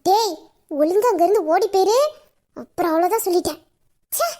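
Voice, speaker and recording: Audio drama heroine: a shrill, sharp-tongued young woman, quick to scold, close to tears, voiced by a woman. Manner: scolding, tearful pleading. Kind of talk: amateur Tamil audio drama.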